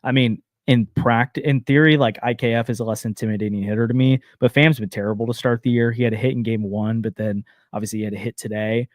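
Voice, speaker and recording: A man co-hosting a casual sports podcast, hedging a lot with fillers and quick restarts. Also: medium pitch, steady tone, no room sound, studio quality. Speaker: podcast co-host.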